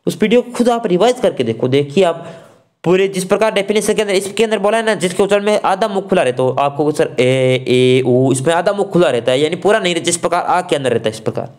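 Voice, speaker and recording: A man's voice: high-pitched, expressive, fast talker. A man teaching an online exam-prep grammar class from Rajasthan, talking casually to students as friends and sounding out vowel examples.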